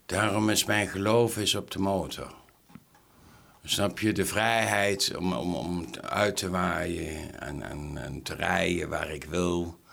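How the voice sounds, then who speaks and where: Low gravelly guy talking slow and halting in a casual chat. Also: fairly even intonation, fairly bright tone.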